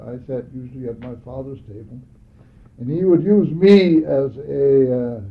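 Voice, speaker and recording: Old guy telling childhood memories, lots of uhs, thin phone-like tape sound. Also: medium pitch. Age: older. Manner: halting, frequent hesitations and restarts. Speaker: oral history interviewee. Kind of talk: reminiscing conversation.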